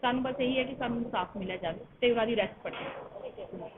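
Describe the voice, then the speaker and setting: A woman from Punjab speaks firmly and quickly, pressing her demands in a street interview. Her voice sits a little high. The sound is narrow and phone-like, buried in loud noise. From Punjab, India. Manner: firm, demanding, cuts in.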